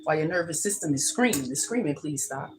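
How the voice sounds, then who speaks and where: Woman livestream host, low register, chatty and emphatic, repeats herself for effect. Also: lively intonation, quick pace, noisy background. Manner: emphatic, repeats her points. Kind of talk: casual livestream monologue. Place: home kitchen.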